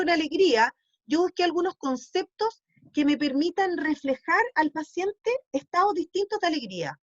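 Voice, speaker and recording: A woman's voice: sits high, no room sound, highs cut off. A woman teaching a class, explaining patiently and checking in often with questions. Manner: explanatory, asks ¿sí? to check understanding.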